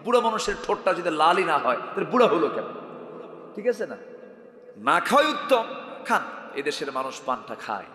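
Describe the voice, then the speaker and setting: A male preacher giving a humorous, rhetorical sermon to a gathering and calling on the crowd to answer louder. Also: a little high, sing-song, fairly quick, long pauses. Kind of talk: Islamic sermon to a live gathering. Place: religious gathering over a sound system. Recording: echoey hall with long reverb.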